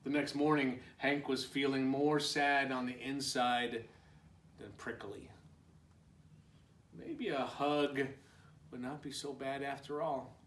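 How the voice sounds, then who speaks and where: Reading slowly and pausing often, a man with a medium pitch keeps his intonation fairly even. He's a preschool teacher acting as storytime reader, performing a picture book expressively with asides to the kids. The recording carries a faint hiss or hum, room echo, and a far-off microphone.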